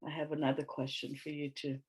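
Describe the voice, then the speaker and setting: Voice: medium pitch, monotone, fast, breathy edge, rough recording. A facilitator from Sri Lanka leading an online workshop discussion over a video call, speaking thoughtfully with frequent fillers and restarts.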